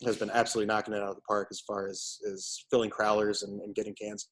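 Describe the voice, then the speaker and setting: A man with a fairly low voice talks casually as an interview guest. His delivery is loose and conversational, rambling along as he explains things. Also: flat delivery, fast talker. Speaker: craft brewery owner and brewer, interview guest. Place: at his brewery.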